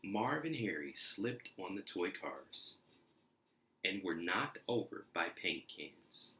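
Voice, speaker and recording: Animated, deep-voiced man reading a storybook. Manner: expressive, deliberate, acts out sounds. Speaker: storybook reader. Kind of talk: animated children's story narration.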